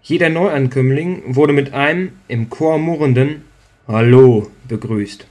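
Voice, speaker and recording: A man's voice: on the high side, measured pace. A man reading a story aloud in a dry, matter-of-fact way. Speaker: narrator. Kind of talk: scripted narration.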